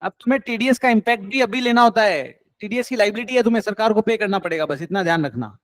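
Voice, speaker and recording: A man's voice: high voice, fast talker, no room sound. A man teaching an accounts class, coaxing and encouraging his students and mixing in English terms.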